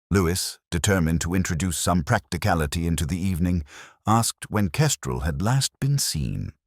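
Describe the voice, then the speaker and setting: A man with a low voice narrates a literary detective story in the first person, measured, solemn and reflective. The sound is clean studio audio with no room sound.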